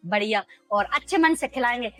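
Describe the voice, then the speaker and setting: A woman's voice: on the high side, expressive, brisk, a bit bright, no echo, soft background music, rough recording. A middle-aged woman street food vendor telling her story earnestly in an interview, acting out the dialogue. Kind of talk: emotional personal interview.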